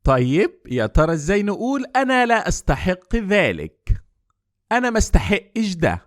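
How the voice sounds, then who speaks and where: Animated Egyptian Arabic teacher, high voice. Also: male voice, no echo, studio quality. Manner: slow deliberate English model phrases; lively quizzing delivery. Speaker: English teacher. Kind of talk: language lesson quiz.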